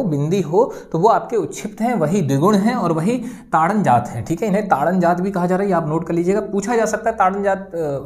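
A woman's voice: lowish voice, darkish tone. A woman teaching a Hindi grammar lesson for exam students, explaining step by step, checking in with "ठीक है" and sounding out the letters. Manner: explains step by step, often adds "ठीक है" and "दोस्तों", says sounds aloud.

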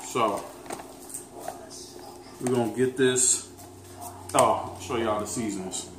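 Cooking dinner with his daughter, a fitness vlogger in his thirties shows how it's done in a casual home demo, teasing and addressing viewers directly. He speaks slowly in a mid-range voice. The indoor kitchen sounds echoey, with loud background noise caught by the counter-top camera mic.

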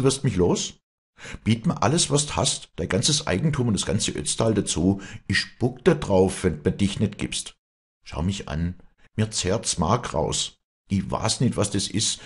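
A man's voice: fairly low pitch, a little mellow, breathy edge, pitched above the performer's own voice. A man voicing a passionate, bitter young farmhand who pleads and sneers in rural dialect.

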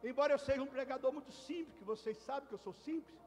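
A pastor preaching a sermon, fervent and shouting to stress his points. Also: extremely high pitch, fast. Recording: long reverb in a large hall.

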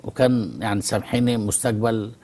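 An Egyptian man with an Egyptian Arabic accent, a talk show guest calmly explaining through stories. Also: fairly low pitch, quick pace. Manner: storytelling, calm and explanatory. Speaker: guest expert on immigration. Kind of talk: studio talk show conversation.

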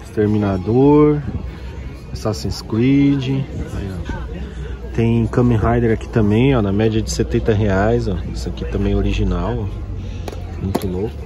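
A man's voice: fairly low pitch, fairly even intonation, unhurried. A man with a Brazilian Portuguese accent, casually and eagerly showing off toys at an outdoor street market while filming on a handheld phone. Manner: casual, enthusiastic, constantly pointing things out. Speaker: vlogger browsing toy stalls. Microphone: handheld phone camera. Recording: outdoor street with music and traffic.

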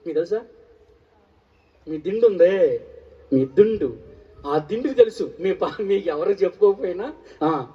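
Pastor, male, high voice, preaching with call-and-response; recorded from afar, muffled. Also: recorded from a distance. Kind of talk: sermon.

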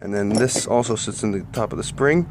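Here a man's fairly low voice moves briskly against a noisy background. He's a home mechanic at a tent-covered garage workbench, explaining a car part repair for a casual how-to vlog in a plain, slightly apologetic way while holding his phone close to the work with one hand.

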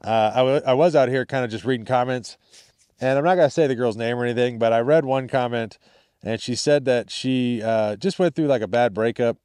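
Man, mid-pitched voice, casual vlog chat, rambling and informal, dry sound with little room. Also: fairly quick, darkish tone, clean tone, no echo. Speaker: vlogger.

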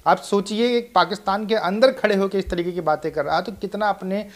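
Male commentary host, slightly high voice, explanatory tone. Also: a little fast. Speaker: reaction video host.

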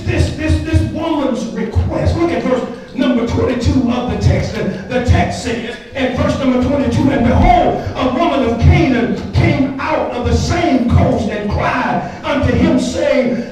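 High slow church preacher guy, repeats himself, shouts, big echoey sanctuary heard from far off, faint organ. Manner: impassioned, repeats words, rises to shouts. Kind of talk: sermon. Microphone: pulpit mic, camera at the back of the room.

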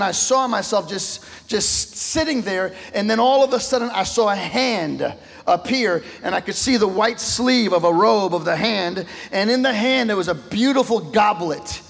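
A male pastor delivers a sermon with fervor, his voice climbing loud and then falling to a hush. His voice sits high for a man. The sound rings with the long echo of a large church sanctuary. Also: creaky. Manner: impassioned preaching, voice swelling and dropping low.

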